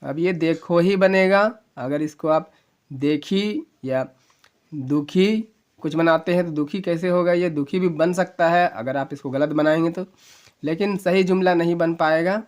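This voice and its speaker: A man with a fairly high voice gives a casual video lesson. He spells words out slowly, one letter at a time. He poses questions to the learner and then answers them himself, in a patient, explanatory way. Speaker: Urdu teacher.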